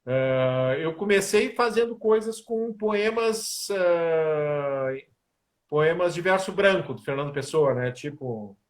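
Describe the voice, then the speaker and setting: A man's voice: on the high side, slow. A man, a musician and composer, talking casually in an interview and telling stories. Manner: animated storyteller, sings snippets of lyrics.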